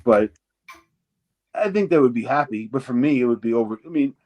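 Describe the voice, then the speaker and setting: A middle-aged former wrestler, appearing as an interview guest, tells rambling, casual stories, swearing freely and acting out the voices of the people he quotes. His mid-range voice moves a little fast, and the sound is lo-fi.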